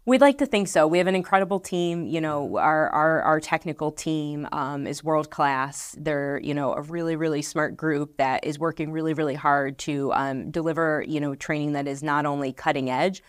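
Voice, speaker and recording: A woman's voice: low voice, normal speed, hardly any pauses, dry recording. A middle-aged woman answering questions as a guest in a studio interview, earnest and full of fillers and restarts. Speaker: marketing director guest. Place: podcast studio set.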